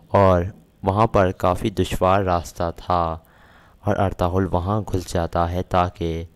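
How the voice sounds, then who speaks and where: A male narrator retelling a drama episode scene by scene in a steady, matter-of-fact way. His voice is very deep and barely moves in pitch. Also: clear, resonant tone. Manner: steady plot retelling with quoted lines.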